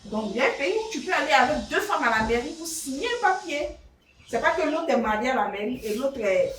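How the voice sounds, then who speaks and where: Lively woman chatting in an echoey room. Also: high-pitched, a little fast, slight background noise. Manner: animated, emphatic, repeats herself. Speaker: co-host of a reality show debrief. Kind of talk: casual chat. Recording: roomy echo, distant mic, faint ambience.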